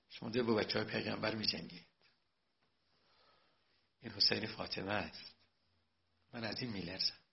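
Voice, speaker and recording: Male cleric lecturing, gravelly, soft asides then loud emphatic preaching, dull lo-fi recording. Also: lowish voice. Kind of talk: religious lecture.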